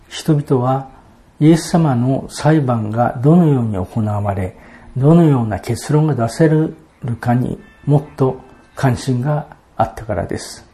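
A man preaching a sermon, explaining Bible verses in a measured, expository way and reading passages aloud. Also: medium pitch, warm tone. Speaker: pastor.

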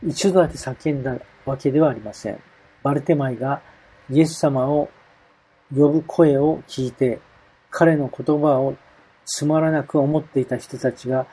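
A man preaching a sermon, reading Bible verses aloud in a measured way and explaining them. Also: medium pitch, fairly even intonation, warm tone, husky, rough recording.

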